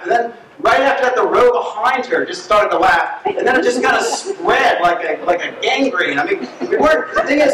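A high-voiced man preaches in a church, telling stories animatedly with fillers and restarts. He sounds distant from the mic, and his voice rings through a very echoey room. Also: a little hiss or hum. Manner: storytelling, animated, with filler words. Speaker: pastor. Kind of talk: sermon. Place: church sanctuary.

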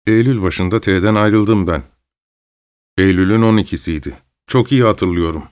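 A man voicing a shaken, wary gentleman who speaks in a hushed, hesitant way, in an audiobook. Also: sits low, moderate pace, clear, resonant tone, no echo, studio quality, lightly acted.

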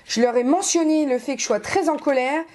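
A beauty vlogger with a brisk, high-sitting voice talks through a casual makeup haul. She's chatty and expressive, swears offhandedly, and stammers and repeats herself when she gets worked up.

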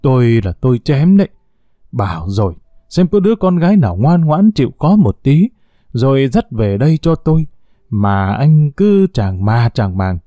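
A harsh, contemptuous middle-aged mother, put on by a man reading a story aloud, scolding. The voice is dark and mellow. The recording is close and dry. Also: medium pitch, sing-song, normal speed, dry recording, natural voice.

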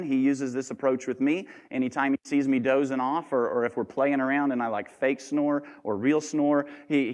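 A man, preaching a sermon as pastor in a joking, self-deprecating, lively way. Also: medium pitch. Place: church sanctuary. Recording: church hall with long reverb.

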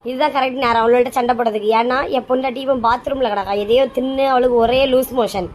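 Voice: mid-range voice, fairly even intonation, slight background noise, lightly acted. A performer playing a brash, hot-headed young husband with a Kanyakumari Tamil accent in a comedy skit. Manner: brash, quick-talking.

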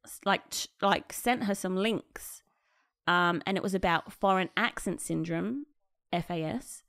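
A woman hosting a podcast, telling a story in an animated, casual way. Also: lowish voice, unhurried, gravelly, no room sound, studio quality. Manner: animated storyteller, frequent laughs. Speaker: podcast host. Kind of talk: casual chat.

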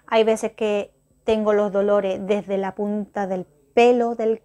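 A middle-aged woman, chatting slowly and deliberately to her viewers, often stopping to correct herself. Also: fairly high pitch, dark tone. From Spain. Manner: slow, careful, deliberate speech; chatty, self-interrupting. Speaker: vlogger. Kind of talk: casual talk to camera.

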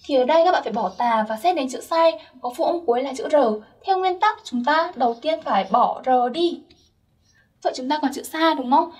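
A young woman whose first language is Vietnamese teaches Korean grammar step by step, patiently checking that her listeners keep up. Her voice is high, and the mic is distant.

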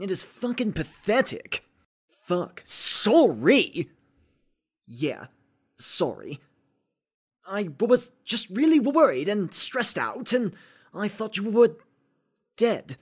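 An anxious young figure stammers and apologizes sheepishly, as an actor acts it out. The voice is husky and slow, and it rises and falls a lot. It swears when it is upset. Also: medium pitch, very animated, exaggerated voice.

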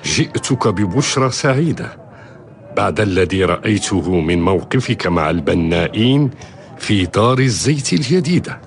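A respectable townsman in old history radio play, kinda low voice, very expressive, measured. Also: creaky. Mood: pleased, reassuring. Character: dignified pilgrim townsman bearing good news. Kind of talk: historical radio drama acting in formal Arabic.

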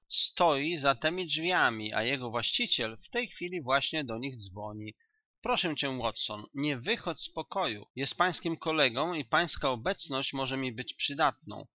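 A cool, self-assured detective lays out his reasoning in a measured, slightly raised voice, as a male audiobook reader plays him. His tone is confident with a dry, ironic edge. The sound is dull and dry, recorded close with no room. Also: medium pitch, lively intonation, no room sound, lightly acted.

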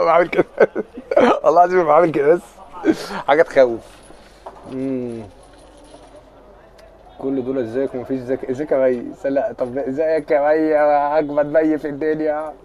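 A young man with an Egyptian accent chatting on a casual live stream, answering viewer comments in a joking, teasing way. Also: medium pitch. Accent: Egyptian Arabic.

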